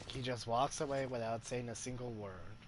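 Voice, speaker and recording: A gaming video host gives casual playthrough commentary in a mid-range voice at normal speed, hesitantly thinking aloud and repeating himself. Game music and heavy background noise fill the recording.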